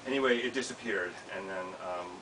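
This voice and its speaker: An American man in his thirties reads his personal essay live in a small indoor bookshop, his lowish voice moving briskly. The author is recorded by a camera several feet away, so the audio is distant and hissy.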